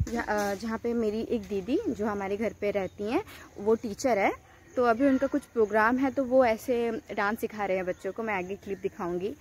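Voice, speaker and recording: A young woman from western Odisha chatting casually in a village vlog, mixing in English words. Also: a little high. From western Odisha, India. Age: young adult. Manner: chatty, mixes in English words, many fillers. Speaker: vlogger. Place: outdoors in a village.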